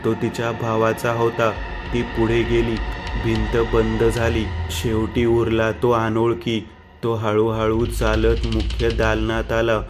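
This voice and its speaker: A man narrating a scripted horror story in a slow, flat and ominous way. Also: on the low side, music in the background.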